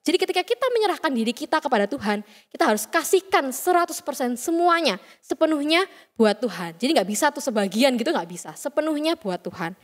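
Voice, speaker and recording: Fast, high-voiced young woman preaching. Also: big pitch swings. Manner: chatty, playful, acts out quoted voices. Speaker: youth service speaker. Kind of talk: youth sermon. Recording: reverberant hall sound.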